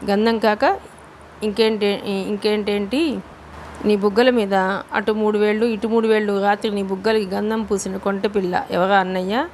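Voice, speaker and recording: A woman's voice: medium pitch, fairly even intonation, normal speed, darkish tone, a little hiss or hum, close to an everyday voice. A woman reading the part of a playful young sister who teases her brother. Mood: teasing. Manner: teasing, giggly.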